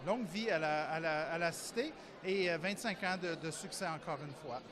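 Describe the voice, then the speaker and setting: A man's voice: on the high side, moderate pace. A man from southern Ontario, a foundation director speaking upbeat while searching for words. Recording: gala crowd outdoors.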